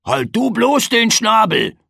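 A woman's voice: very deep voice, huge pitch swings, takes it slowly, creaky, husky, dry recording, clean studio sound, full character voice. A woman voicing a bossy, know-it-all older piglet brother in a storybook.

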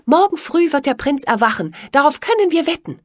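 A woman's voice: high voice, sing-song, brisk, dry recording, clean studio sound, pitched above the performer's own voice. A woman voicing a stubborn, clever young princess who is suspicious and defiant.

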